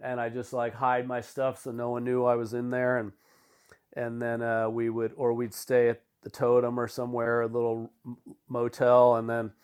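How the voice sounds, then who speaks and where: A man's voice: mid-range voice, monotone, normal speed, darkish tone, clean tone. A middle-aged man, a podcast guest, telling rambling, laid-back stories with fillers and the odd swear word. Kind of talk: casual storytelling.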